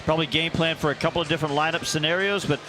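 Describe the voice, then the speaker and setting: A man giving color commentary on a soccer radio broadcast, talking in a folksy, unhurried way with plenty of hesitations. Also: fairly high pitch, fairly even intonation, music in the background. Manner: folksy, unhurried, frequent "uh" fillers. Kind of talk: radio sports analysis. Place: stadium broadcast booth.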